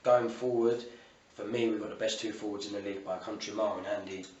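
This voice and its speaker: Male football manager, south-east English British accent, low matey voice, interviewed on a distant mic. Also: steady tone, fast, a little mellow, dull audio. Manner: colloquial, matey, with frequent "you know". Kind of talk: post-match interview. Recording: roomy, distant mic, faint ambient noise.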